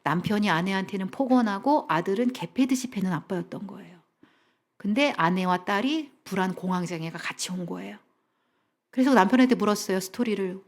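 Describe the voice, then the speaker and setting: A middle-aged woman counselor giving a lively seminar talk in a church. She has the audience repeat phrases after her and drops to a soft whisper for emphasis. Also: medium pitch, fairly quick. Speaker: family counselor, guest speaker.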